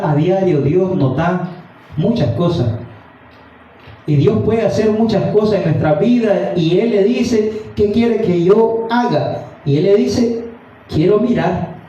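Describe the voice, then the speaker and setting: A man's voice: high voice, mellow. A man preaching a fervent evening sermon, reading scripture aloud and calling his listeners brother. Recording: dull, roomy sound from a distant mic.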